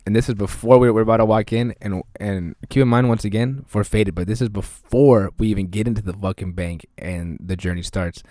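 A man's voice: on the low side, a little fast, hardly any pauses, dry recording, clean studio sound. A young man co-hosting a podcast in casual chat, telling stories animatedly with lots of swearing and laughter. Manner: profane, laughing, animated storyteller. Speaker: podcast co-host.

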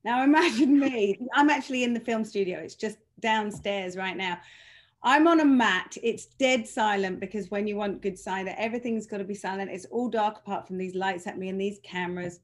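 A woman's voice: medium pitch, a little fast. Woman fitness trainer telling stories, says w instead of r, pokes fun at herself. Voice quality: cannot pronounce R's properly, says w for r. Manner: self-mocking, laughs readily. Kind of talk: animated personal storytelling in conversation.

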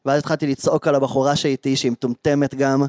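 A man hosting a podcast, telling a story in a lively, animated way and acting out the dialogue. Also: mid-range voice, no echo, studio quality. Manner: animated, acts out quoted dialogue. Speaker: podcast host. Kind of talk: casual storytelling chat.

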